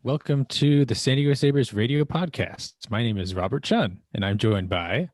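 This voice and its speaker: A man's voice: mid-range voice, lively intonation, moderate pace, no echo. A man in his late twenties hosting a podcast in friendly, easygoing chat. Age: 20s. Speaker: podcast host. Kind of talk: casual chat.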